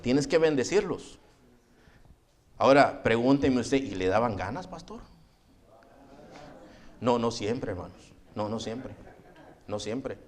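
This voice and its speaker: A man's voice: medium pitch, lively intonation, slow pace, long pauses, darkish tone. A man preaching a sermon, telling a personal story and often calling his listeners brother. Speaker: pastor.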